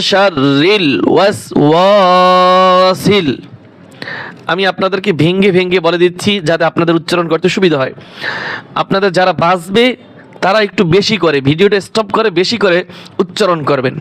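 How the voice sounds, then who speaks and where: A man teaching Quran recitation, drawing out chanted syllables between quick spoken explanations. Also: sits high, a bit bright. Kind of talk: slow spelled-out recitation lesson.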